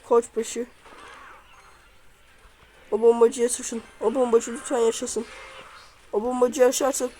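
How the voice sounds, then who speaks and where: A woman giving live commentary over her own gameplay, excitably cheering and scolding the units on screen. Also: fairly high pitch, unhurried, pauses often, slight background noise, poor audio. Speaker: gamer.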